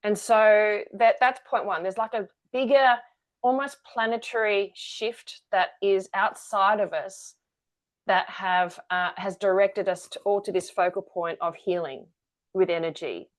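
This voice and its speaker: In a relaxed interview, a woman guest candidly recounts her own story at a measured pace. Her voice is medium in pitch, and she is an energy-work founder.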